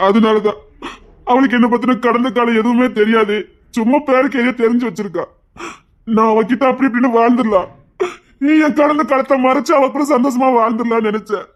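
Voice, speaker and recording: A man's voice: very high-pitched, quick pace, dull audio. An actor playing a guilt-ridden young man in a TV serial, crying as he confesses to his mother. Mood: anguished. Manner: anguished, tearful. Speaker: son. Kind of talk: TV serial acting.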